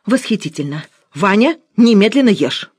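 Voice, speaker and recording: A wealthy mistress of the house gives orders in brisk, decisive tones, as a woman reader plays her. Her pitch moves lively from low to high, in a dry, close audiobook sound. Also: breathy edge, dry recording. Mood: commanding.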